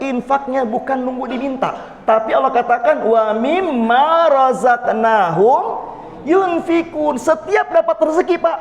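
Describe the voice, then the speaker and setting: A man's voice: extremely high pitch, a little hiss or hum. A man preaching a folksy, joking mosque sermon, often calling on his listeners directly. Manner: folksy, jokes with the audience, addresses "Pak". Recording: long reverb of a mosque hall.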